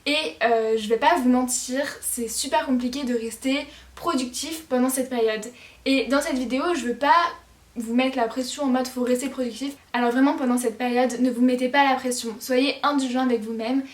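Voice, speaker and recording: High-voiced teenage girl vlogging. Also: steady tone, moderate pace. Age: teens. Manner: chatty and reassuring, with frequent hesitations. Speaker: lifestyle vlogger. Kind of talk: casual talk to camera. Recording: roomy echo.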